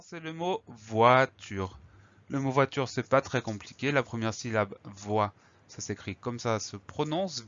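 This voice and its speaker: A male teacher giving a spelling lesson, calmly explaining each word and spelling it out letter by letter. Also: medium pitch. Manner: patient, spells words letter by letter. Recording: slightly dull lo-fi recording.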